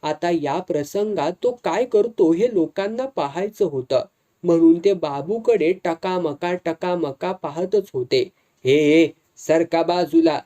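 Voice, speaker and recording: A man narrating a humorous village folk story in a lively, colloquial storytelling manner. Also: on the high side.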